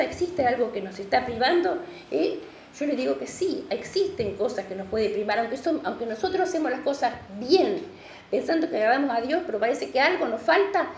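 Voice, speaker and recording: A woman's voice: on the high side, a little mellow, slight background noise. A middle-aged woman pastor with a Rioplatense Spanish accent, preaching a sermon and telling a personal testimony, repeating words and often saying amen. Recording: echoey hall, dull lo-fi sound.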